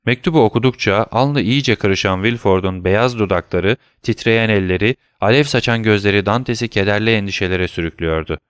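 A man reads a classic novel aloud as an audiobook. His voice is low and smooth, and his storytelling is measured and literary. The recording is close and completely dry. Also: no echo. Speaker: audiobook narrator. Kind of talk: scripted narration.

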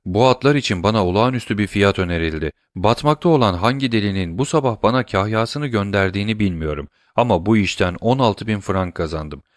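A man's voice: on the low side, lively intonation, fairly quick, few pauses, dry recording, clean studio sound, natural voice. A man voicing an anxious, greedy middle-aged banker who talks in a placating, excuse-making way. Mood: hushed boastful.

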